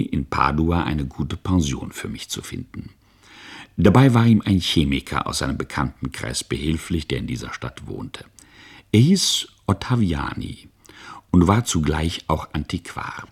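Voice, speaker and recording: Very deep, gravelly male narrator. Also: a little mellow. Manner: measured literary reading. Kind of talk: scripted audiobook narration.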